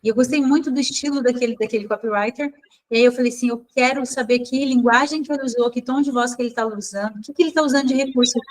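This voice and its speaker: A woman's voice: fairly high pitch, steady tone, fast, rough recording. A woman teaching a live online class over a video call, talking informally and correcting herself as she thinks aloud.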